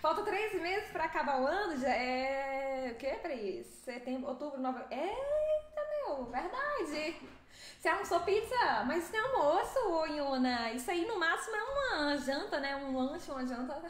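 A young Brazilian woman streaming a driving game, chatting with viewers in a lively, fast way and laughing often. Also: sits high, roomy sound, slight background noise. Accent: Brazilian Portuguese. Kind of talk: live stream chat with viewers.

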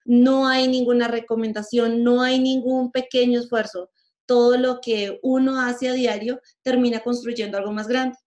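A Colombian woman in her thirties speaks in a fairly high voice, earnest and measured, pausing often as she gives an online workshop. She is heard through a webcam on a video call from a room at home. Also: flat delivery, darkish tone, muffled recording. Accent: Colombian Spanish. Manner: earnest, measured, with frequent pauses.

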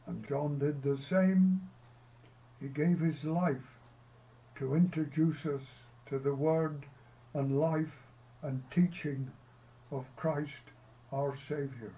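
An older man from Scotland leading a church service, delivering prayers and a short sermon in a solemn, measured way, recorded by a far camera outdoors in a field. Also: fairly high pitch, fairly even intonation, warm tone, dull audio.

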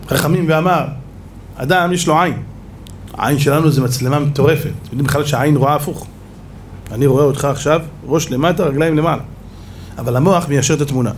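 A man, a rabbi, teaching a lively Torah lesson to an audience in a room, swinging between loud exclamations and low asides. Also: slight background noise.

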